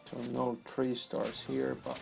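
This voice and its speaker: A man's voice: mid-range voice, completely flat delivery, takes it slowly, gravelly, faint music behind. A man giving casual commentary while streaming a game, hesitant and often correcting himself mid-sentence.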